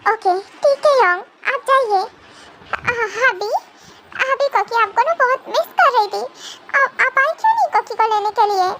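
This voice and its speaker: A woman's voice: extremely high pitch, animated, unhurried, fairly bright tone, heavily acted. A young woman voicing a weepy, childlike young wife who pleads and whines, in an amateur fan audio drama. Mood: tearful pleading. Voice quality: whiny, pleading.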